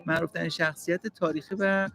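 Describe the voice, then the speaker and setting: A man's voice: on the high side, fairly even intonation, vocal fry, a bit bright, poor audio. A man hosting a casual live stream, joking with viewers and translating a passer-by's answers. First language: Persian. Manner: switches between chatty, joking talk and slow, halting questions in a second language.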